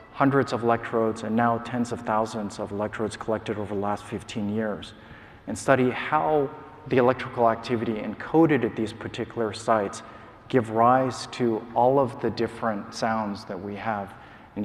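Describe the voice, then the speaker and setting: A man giving a measured, explanatory academic lecture in a large conference hall, with occasional filler sounds. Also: fairly low pitch. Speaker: scientist giving a prize lecture.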